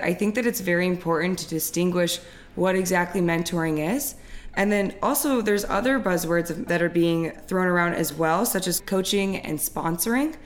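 Upbeat young woman hosting a podcast. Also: on the low side. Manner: upbeat, scripted introductions. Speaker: podcast host. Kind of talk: podcast interview.

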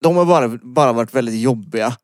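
A man's voice: medium pitch, dry recording, clean studio sound. Hesitant, giggly male podcaster. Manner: hesitant, laughs a lot, swears casually. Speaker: podcast co-host. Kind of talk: casual rant podcast chat.

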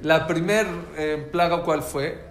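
Animated Mexican man teaching a class. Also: fairly high pitch, slow, reverberant. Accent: Mexican Spanish. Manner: animated, quizzes the audience. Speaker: religious teacher. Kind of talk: storytelling religious class.

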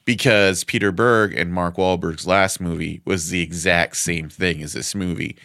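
A man's voice: sits low, steady tone, moderate pace, creaky, bright, forceful tone, no room sound, clean studio sound. A man reviewing this week's movies on a casual talk show, earnest and prone to stammered restarts. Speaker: film reviewer co-host. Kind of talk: casual podcast chat about movies.

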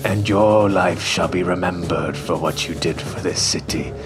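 Man as a minotaur warrior, lowish pitch, stately, ceremonious, consoling, tabletop fantasy role-play, music behind. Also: moderate pace, lightly acted. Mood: solemn, consoling. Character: solemn male minotaur warrior, grandly consoling.

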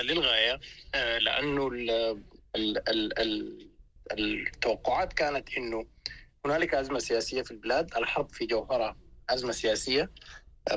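A male interview guest with a Sudanese accent offers unscripted political analysis. His voice is bright and forceful, and he speaks fast in bursts, often stalling to repeat a word while he finds his phrasing. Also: medium pitch, rough recording. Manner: halting, repeats words while searching for phrasing.

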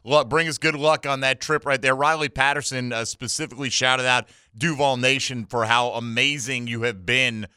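A man's voice: medium pitch, fairly even intonation, normal speed, hardly any pauses, bright, forceful tone, smooth, no echo, clean studio sound. An American man hosting a sports call-in radio show, exuberant and emphatic in an informal way. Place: radio studio. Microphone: close studio microphone.

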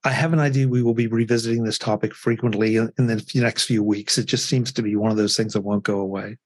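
A man's voice: fairly low pitch, fairly even intonation, fast talker, no room sound. A male host leading a casual panel talk, who breaks off his words mid-word and starts them again.

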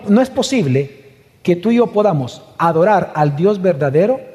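A man's voice: sits high, mellow. A man preaching a sermon in earnest, asking the congregation rhetorical questions. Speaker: pastor. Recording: long hall reverb.

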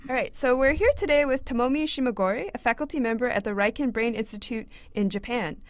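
A woman's voice: fairly high pitch, fast talker. A woman in her twenties hosting a science interview, asking questions with frequent "um" and "uh" fillers. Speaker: interview host, graduate student. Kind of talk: scripted intro then interview questions. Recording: dry close mic with faint music.

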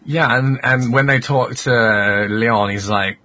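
A man co-hosting a casual podcast, joking around with quick asides about game lore. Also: medium pitch, sharp tone. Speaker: podcast co-host.

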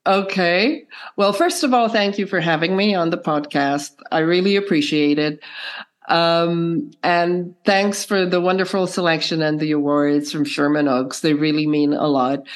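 A woman with a croaky, froggy voice, hoarse from a cold, telling her story casually as an interview guest. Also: fairly low pitch, a little slow. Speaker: podcast guest, filmmaker and choreographer.

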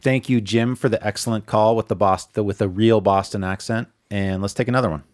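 Man, deep voice, podcast host, from Northeast Ohio, casual conversational discussion, informal phrasing. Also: steady tone, fairly quick. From Northeast Ohio, United States.

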